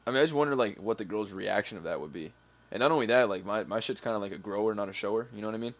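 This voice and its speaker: Low-voiced man in loose, profane chat. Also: very fast. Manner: loose and profane, laughing, hesitant fillers. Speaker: stream co-host. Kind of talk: casual chat.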